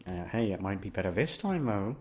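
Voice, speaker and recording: An audio content creator, a young man with a lowish, darkish voice, rambles through a casual chat at a slightly fast, animated clip. His way of talking is goofy, self-deprecating and full of swearing, with background music playing.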